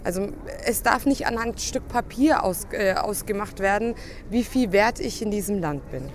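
A woman who serves as a city councillor, speaking briskly and argumentatively in an interview clip outdoors. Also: medium pitch, slight background noise.

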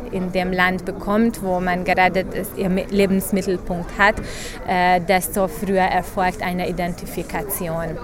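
A woman who runs an advocacy group, speaking earnestly in an interview clip with many filler sounds. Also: mid-range voice. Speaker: managing director of an advocacy group.

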